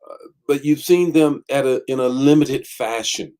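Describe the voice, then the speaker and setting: A man's voice: medium pitch, normal speed, dark tone, clear, resonant tone. A man hosting an online morning teaching as bishop, greeting viewers by name and talking with many fillers.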